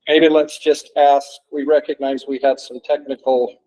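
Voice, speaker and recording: A man running a committee meeting, leading it through agenda items and inviting comments from the room and online. His voice sits at an average pitch with a dark, mellow tone. He talks in a measured, procedural way. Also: flat delivery, poor audio. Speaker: committee chair. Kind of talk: meeting chairing.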